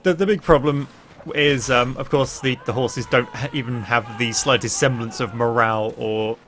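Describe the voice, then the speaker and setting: Young male streamer, dry and deadpan, casual chat over gameplay with faint noise behind. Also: mid-range voice, normal speed. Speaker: streamer and game commentator.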